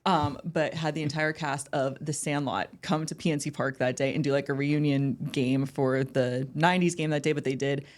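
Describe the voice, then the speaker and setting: A young woman who manages ballpark entertainment guests on a podcast in a casual interview chat. She's chatty and upbeat, filling her speech with "like" and "um." Her voice sits low, with fairly even intonation, normal speed and hardly any pauses.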